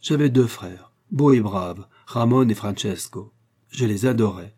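A man's voice: fairly low pitch, measured pace, a little mellow, husky. A man voicing a fierce young Spanish woman, a vengeful guerrilla fighter, speaking with burning hatred in an audiobook. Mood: grieving. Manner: burning, hateful, hissing delivery. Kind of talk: audiobook character voice.

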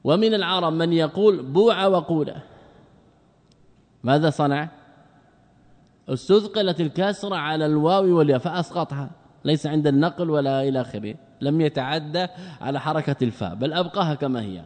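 A man gives a classical grammar lesson, his voice sitting a little high for a man. He keeps posing questions and answering them himself, repeating and drawing out each example word. The sound rings with a long hall reverb. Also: brisk, a little mellow. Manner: repeats words and drags out example forms. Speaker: sheikh teaching Arabic grammar.

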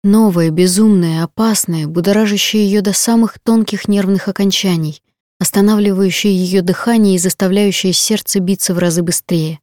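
A woman narrates a novel as a scripted audiobook, telling the story in an even, intimate way. Her voice sits at medium pitch and keeps a moderate pace. The recording is dry and studio quality.

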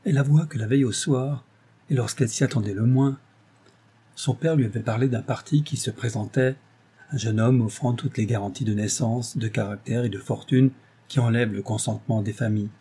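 A man narrating a classic novel as an audiobook, in a measured, expressive reading. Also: mid-range voice, husky.

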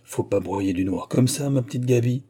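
Man playing a suave scheming marquis, gallant, coaxing, husky, mellow tone, audiobook. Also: medium pitch, normal speed, natural voice. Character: smooth, scheming gentleman con man, a marquis.

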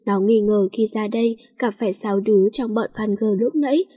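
Breathy woman narrating a story. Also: medium pitch, brisk, warm tone.

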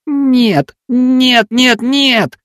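A frightened young village boy, as a man voices him, begs and insists in a raised, boyish pitch, his words catching near tears. It's a storybook reading, so the voice sits well above the reader's own low register. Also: normal speed, no echo, studio quality, lightly acted. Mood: insistent.

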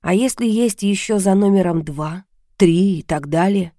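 A woman narrating a first-person audiobook in an even, measured voice. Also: medium pitch, dry recording, clean studio sound.

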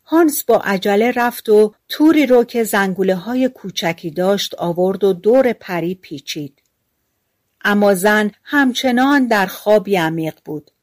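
A woman narrating a fairy-tale audiobook in a calm, even storytelling manner, using relaxed everyday speech. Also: medium pitch, no echo.

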